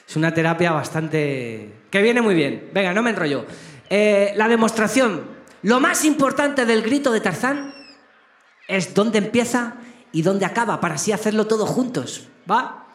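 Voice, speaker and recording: A man on stage at a children's concert, playfully coaxing the crowd with questions and jokes. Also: high-pitched. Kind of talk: live concert banter to a crowd of kids. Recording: echoey live stage with music.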